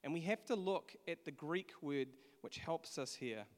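A man's voice: on the high side, lively intonation, normal speed. A man preaching a sermon from England, earnest and conversational, with frequent restarts. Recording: long echo of a large hall.

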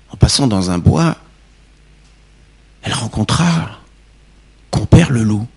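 A man reads a classic tale aloud to his students, then explains its meaning. His delivery is unpolished, and he sometimes repeats words. His voice is husky and low-pitched. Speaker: teacher.

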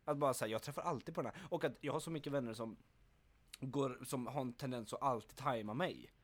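A young adult man hosting a podcast, chatting casually and rambling with many fillers and restarts. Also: mid-range voice. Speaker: podcast host. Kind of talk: casual chat.

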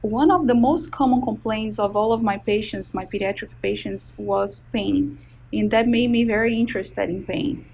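A Brazilian woman in her thirties, a resident physician with a Brazilian Portuguese accent, answers interview questions about her research. Her medium-pitched voice has vocal fry and a slightly mellow quality, and she moves at a moderate pace. She explains medical terms carefully, hesitating often, over slight background noise.

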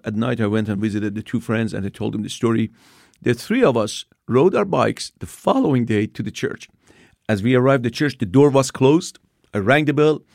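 Iranian guy in his 60s telling his testimony, gravelly voice, persian accent, dry close sound. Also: medium pitch, a little mellow, no room sound. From Iran. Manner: earnest, vivid storyteller with occasional restarts. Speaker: speaker giving his testimony. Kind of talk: personal testimony storytelling.

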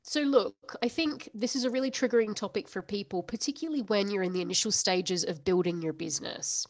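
Still congested after the flu, a thirties-aged woman with a mid-range, somewhat nasal voice delivers an unscripted business podcast monologue as host. There's no room sound; she speaks bluntly and laughs quickly and often.

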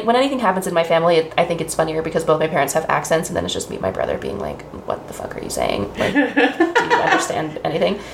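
A woman's voice: lowish voice, creaky. A woman in her twenties, a stand-up comedian, telling casual stories with plenty of swearing. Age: 20s. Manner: chatty storytelling, swears freely. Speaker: podcast guest, stand-up comedian. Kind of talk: casual chat. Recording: echoey room with faint noise.

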